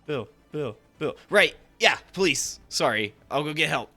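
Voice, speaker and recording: A man's voice: on the high side, animated, measured pace, bright, forceful tone, faint music behind, exaggerated voice. A man doing a jittery flustered security guard. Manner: jittery, rambling.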